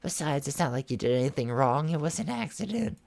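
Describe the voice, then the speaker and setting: A man reading fan fiction aloud, voicing a wary cat-like young girl who speaks in a low, worried tone. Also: lively intonation, fairly quick, vocal fry, darkish tone.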